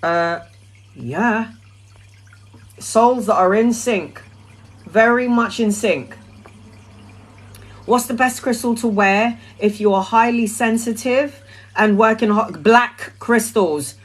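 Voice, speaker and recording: A woman's voice: on the high side, slow pace, pauses often, rough recording. Chatty, sweary middle-aged woman on a livestream. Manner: chatty, blunt and sweary, with rambling restarts. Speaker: tarot reader answering viewer questions. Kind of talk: casual live-stream chat.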